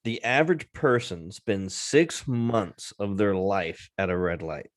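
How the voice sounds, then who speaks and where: A man's voice: fairly low pitch, big pitch swings, unhurried. A man co-hosting a podcast in casual chat, laughing often, teasing and swearing. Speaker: podcast co-host.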